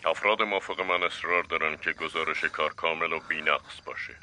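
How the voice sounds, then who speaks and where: Crime contact, cold, exacting, extremely low voice, sharp tense tone, dubbed game dialogue. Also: male voice, steady tone, exaggerated voice. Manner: cool, probing questions. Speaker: criminal contact.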